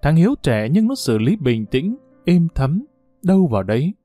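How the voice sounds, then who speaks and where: A man narrates a story in a measured, expressive way, and his pitch rises and falls freely. His voice is warm and dark, recorded close and dry, with soft instrumental music behind it. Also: dry recording. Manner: measured, expressive reading that changes voice for quoted speech. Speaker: audiobook narrator.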